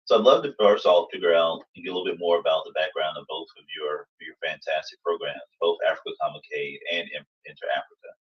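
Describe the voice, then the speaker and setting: A man with a very low voice moderates a livestream panel in an effusively polite manner. He sounds muffled and set back from the microphone. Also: steady tone, quick pace, few pauses, distant mic. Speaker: host, moderator. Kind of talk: event hosting on a livestream.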